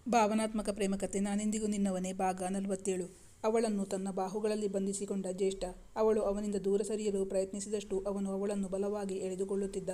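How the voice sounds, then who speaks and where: Woman reading a story in a flat, mellow voice. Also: mid-range voice, fairly quick. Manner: steady, even reading. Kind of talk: serialized story narration.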